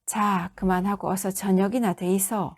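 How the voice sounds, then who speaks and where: A woman doing a quiet weary mother with a Gyeongsang accent. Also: level tone, normal speed, close to an everyday voice. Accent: Gyeongsang dialect. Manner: soft, low muttering.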